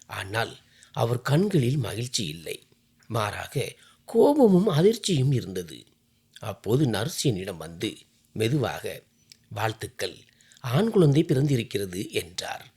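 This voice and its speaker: A man narrating an emotional first-person family story, moving between hushed and raised delivery. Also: medium pitch, slightly rough.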